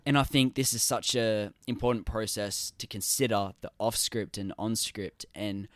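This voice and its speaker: A man's voice: lowish voice, fairly even intonation, moderate pace, fairly bright tone, dry recording. A man with an Australian accent hosting a podcast, asking long, enthusiastic, rambling questions. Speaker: podcast host. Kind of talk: casual podcast interview.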